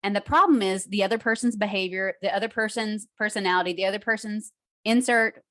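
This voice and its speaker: A woman's voice: mid-range voice, fast talker. A woman relationship coach talking in a casual podcast conversation, telling stories and acting out the voices she quotes. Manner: animated storyteller, acts out quoted voices.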